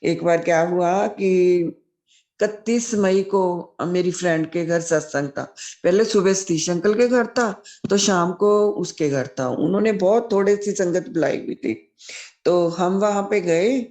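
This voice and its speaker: A woman's voice: on the low side, unhurried, a little mellow. A middle-aged woman casually recounting a devotional experience, often breaking into blessings and thanks. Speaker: devotee sharing a satsang testimony.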